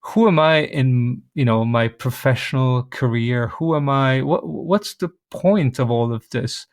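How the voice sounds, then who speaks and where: Man, 40s, dry close sound, reflective video-call guest, middle pitch. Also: dry recording. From Switzerland. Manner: thoughtful, measured, with light self-deprecating humor. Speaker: guest, organizational consultant. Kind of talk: reflective interview talk.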